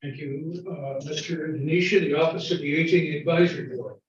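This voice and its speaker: A man's voice: fairly high pitch, brisk, a little hiss or hum. A man chairing a committee meeting who calls each agenda item in brief, curt lines. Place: county legislature meeting room. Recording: dull, echoey chamber audio from a distant mic.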